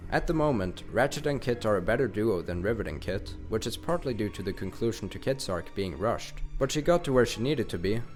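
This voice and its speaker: Lower-voiced male YouTuber, scripted ranking voice-over, casual, faint music bed. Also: expressive, brisk, few pauses. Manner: enthusiastic, casual slang. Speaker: video game YouTuber. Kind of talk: scripted countdown narration.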